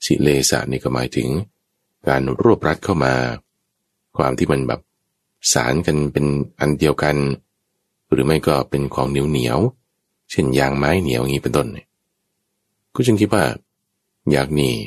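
A man's voice: extremely low pitch, moderate pace, pauses often, slightly rough, dry recording. A man telling an old folk tale with animation, often speaking straight to his listeners. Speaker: storyteller.

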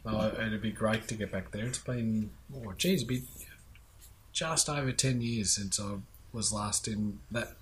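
A man in his thirties co-hosting a podcast, relaxed and easygoing in casual chat. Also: on the low side, measured pace, slight background noise. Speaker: podcast co-host.

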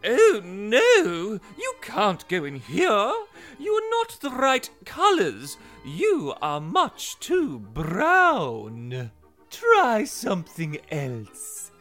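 A woman playing a snooty fish who adores her own colours. Her voice is high and preening, and she stretches out her words. She is a storybook character. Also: very animated, slow, faint music behind, full character voice. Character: vain, haughty female fish.

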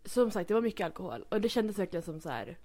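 A woman's voice: medium pitch, very animated, dark tone. Young woman, casual chat, storytelling, many fillers. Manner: chatty storytelling, acts out quotes, many fillers.

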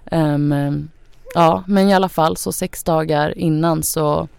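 Low gravelly young woman telling her story. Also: fairly even intonation, a little mellow, dry recording. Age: young adult. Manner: chatty, full of fillers like "so like". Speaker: podcast guest. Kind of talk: personal story in casual podcast talk. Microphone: studio microphone.

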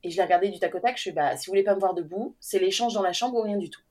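Speaking at a racing clip in a medium-pitched voice, a young woman animatedly recounts something that happened to her. She laughs a lot in this casual conversation and performs the dialogue she quotes.

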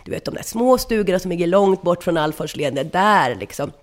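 A woman quoting a calm old cabin warden. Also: fairly low pitch, natural voice. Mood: matter-of-fact. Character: older male mountain cabin warden, calm and matter-of-fact.

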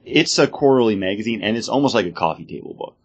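A man with an American accent speaks in a low, husky voice. He explains things casually and with a fan's enthusiasm, as a co-host in an informal chat. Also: lively intonation, fast. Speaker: podcast co-host.

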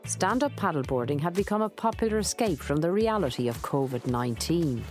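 Documentary narrator: woman, Irish accent, deep register, scripted read with music underneath. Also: lively intonation, a little fast, darkish tone.

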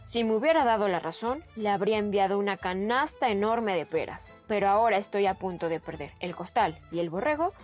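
A woman's voice: mid-range voice, expressive, brisk, few pauses, soft background music, lightly acted. A woman voicing a boastful, grumbling male farmer in a children's storybook. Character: grumbling greedy middle-aged male farmer.

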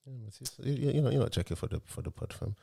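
A man's voice: medium pitch, expressive, rapid-fire, creaky, warm tone, husky. A man with a London roadman accent hosting a slangy, casual podcast chat, speaking emphatically and encouragingly and often repeating himself. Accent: London roadman, multicultural urban London. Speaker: podcast host.

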